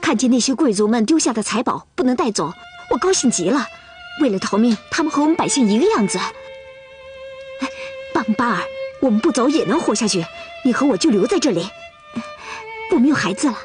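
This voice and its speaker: A woman's voice: on the high side, sing-song, brisk, pauses often, faint music behind. A headstrong young Russian woman. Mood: earnest. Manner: insistent, pleading. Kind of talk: television period drama acting.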